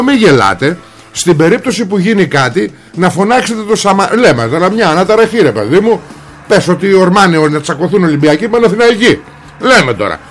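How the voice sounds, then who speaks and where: A man's voice: sits high, fairly bright tone. A man hosting ranting political commentary, sarcastic and mocking, firing rhetorical questions at his listeners.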